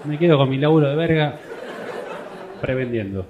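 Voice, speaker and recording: A man's voice: medium pitch, expressive, normal speed, phone-quality sound, over loud music. A man with a Rioplatense accent, a stand-up comedian teasing the crowd and chatting in his vlog. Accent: Rioplatense Spanish. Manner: teasing, joking, laughing often. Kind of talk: crowd work and casual vlog chat.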